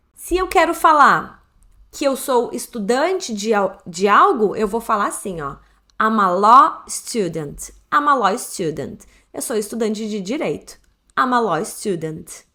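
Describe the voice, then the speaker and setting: A Brazilian woman with a fairly high voice gives an online English lesson in Brazilian Portuguese. She explains each point step by step, slowing down to say English phrases clearly so learners can repeat them. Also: animated, pushed and bright. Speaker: English teacher.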